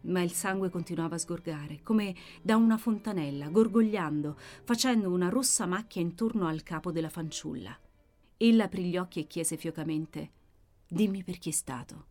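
A woman's voice: moderate pace, faint music behind. A woman reading a novel aloud with vivid, dramatic narration. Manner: expressive, with sharp swings in pitch and loudness. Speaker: audiobook narrator.

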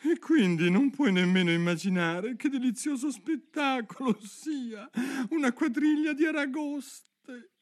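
A tearful sea turtle from a storybook, its voice pitched far above his own and swooping wildly up and down. It wails and stretches its words out slowly, shrill and theatrical. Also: big pitch swings, exaggerated voice. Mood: mournful. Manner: shrill, wailing, drawn-out and tearful. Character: weepy sorrowful sea turtle creature, theatrical.

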